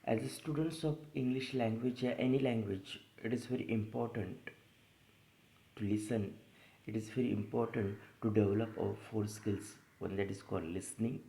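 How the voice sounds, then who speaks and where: In an echoey room, a man with a lowish, mellow voice and vocal fry teaches an English lesson. Reading and explaining an assignment like a lecture, he speaks didactically and restates the key phrases.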